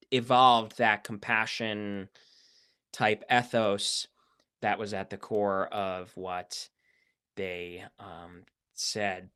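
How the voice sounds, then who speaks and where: A man hosting a casual podcast, speaking thoughtfully with hesitant pauses and fillers. His voice is smooth and resonant. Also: fairly low pitch, fairly bright tone. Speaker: podcast host. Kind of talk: casual discussion.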